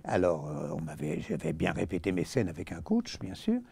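Older man telling an animated anecdote. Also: sits low, moderate pace, creaky, husky. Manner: animated, acts out the voices in his stories. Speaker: guest, actor. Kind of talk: anecdotal interview storytelling.

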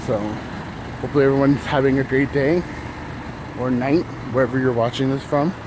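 A man's voice: mid-range voice, steady tone, fairly quick. Rambling man vlogging on a city street. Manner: rambling, chatty, lots of fillers and restarts. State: slightly out of breath from walking. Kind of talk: casual walking vlog. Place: city street outdoors in early morning. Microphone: phone held at arm's length. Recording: phone audio with street noise. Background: traffic and city noise.

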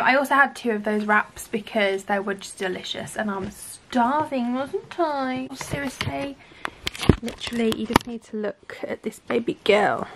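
A woman's voice: fairly high pitch, a bit bright, a little hiss or hum. A young British woman in her twenties chatting casually in a home vlog, bubbly and giggly, rambling as she goes. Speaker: vlogger. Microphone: handheld camera.

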